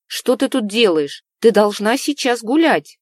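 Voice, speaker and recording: A woman's voice: fairly high pitch, huge pitch swings, normal speed, darkish tone, no room sound, clean studio sound, voice pushed up. A woman voicing a cheerful, chatty young princess in a storybook reading. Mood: scolding.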